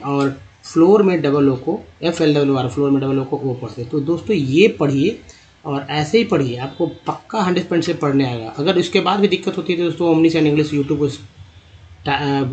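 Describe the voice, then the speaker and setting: A man with a slightly higher-pitched voice leads a spoken lesson on English pronunciation. He talks patiently and repeats himself. He slows down to spell out letters and sound out each word. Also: a little mellow, muffled recording, slight background noise. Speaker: English teacher.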